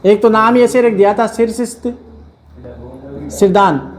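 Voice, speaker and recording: A man's voice: sits high, fairly even intonation, unhurried. A man teaching a classroom biology lesson, repeating key terms and telling students to look and write along. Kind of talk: classroom biology lecture, dictating notes.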